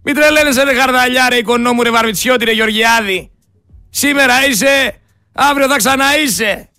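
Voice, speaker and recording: High-pitched guy ranting on the radio, sarcastic and fed up, loud music under him. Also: fairly even intonation. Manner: indignant, sarcastic, addresses listeners as friends. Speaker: radio host. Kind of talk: angry political commentary.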